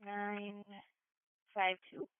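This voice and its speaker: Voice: mid-range voice, completely flat delivery, drawn-out words, smooth, no room sound. A police dispatcher giving terse codes and addresses over two-way radio. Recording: narrow tinny scanner radio audio.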